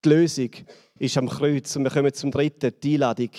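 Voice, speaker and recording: A man with a Swiss German accent preaching a sermon, building dramatically and then dropping to hushed lines. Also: steady tone, a little fast, in a large hall. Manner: dramatic, swells and drops in pitch and volume. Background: band playing softly.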